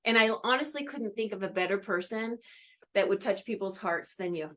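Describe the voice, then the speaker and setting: A woman's voice: medium pitch, brisk, a bit bright. A woman hosting a live interview podcast, bubbly and encouraging as she draws out her guest. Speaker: podcast host.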